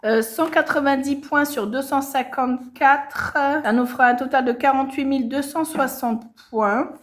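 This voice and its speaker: Chatty woman with a high-ish voice. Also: steady tone, moderate pace. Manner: chatty, self-correcting, many hesitations. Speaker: cross-stitch vlogger. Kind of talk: casual show-and-tell chat.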